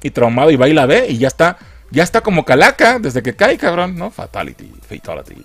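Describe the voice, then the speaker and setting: A man's voice: a little high, brisk, no echo. A young Mexican man recapping and mocking a film in casual, crude slang. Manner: crude, mocking slang, lively put-on character voices. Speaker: film reviewer.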